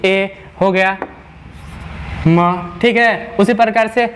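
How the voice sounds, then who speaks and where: A man teaching English spelling rules in a classroom lesson, repeating himself, stretching out sounds slowly and asking the class rhetorical questions. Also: high voice, steady tone, a bit bright, slight background noise. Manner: repetitive, drawn-out sounds, asks rhetorical questions.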